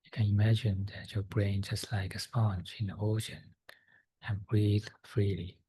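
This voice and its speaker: A man softly guiding a breathing meditation, slow and soft-spoken with long pauses and fillers. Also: fairly low pitch, level tone, slightly rough, dry recording. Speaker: meditation guide.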